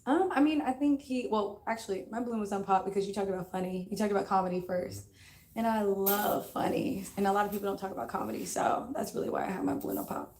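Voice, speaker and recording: A woman's voice: medium pitch, fast talker, a little mellow. A woman in her twenties on a dating show, talking confidently and upbeat about her interests. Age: 20s. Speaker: contestant.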